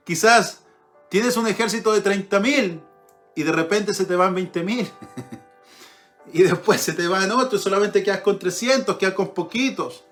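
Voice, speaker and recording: A man's voice: sits high, unhurried, long pauses, fairly bright tone, soft background music. A man preaching a sermon, earnest, repeating phrases for emphasis and reading scripture aloud.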